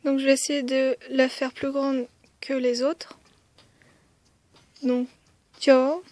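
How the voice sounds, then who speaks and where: A woman's voice: high voice, level tone, takes it slowly, dry recording. A woman teaching a writing lesson step by step, with frequent "euh" hesitations and counting strokes aloud. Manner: counts strokes aloud, softly whispering some counts. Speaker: language teacher.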